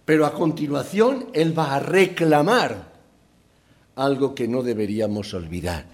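Male preacher, emphatic delivery with wide swings in pitch, slow and deliberate. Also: animated. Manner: emphatic, rising to exclamations. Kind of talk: sermon.

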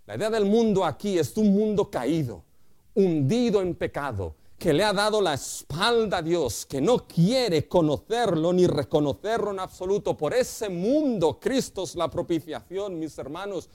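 Impassioned Spanish preacher man, lively pitch. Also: normal speed. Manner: impassioned preaching, trailing off softly on "my brothers". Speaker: pastor. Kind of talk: sermon.

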